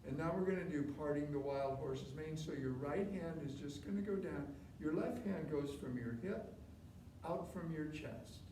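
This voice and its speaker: A man instructing a tai chi class live, giving short step-by-step movement cues in an informal, gently encouraging way. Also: on the high side, normal speed. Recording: distant mic, roomy echo, clear background noise.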